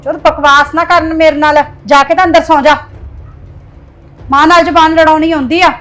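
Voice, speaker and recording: A woman's voice: very high-pitched, normal speed, very echoey, distant mic, rough recording. A woman playing a stern middle-aged mother who scolds her teenage son. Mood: scolding. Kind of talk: family web drama acting.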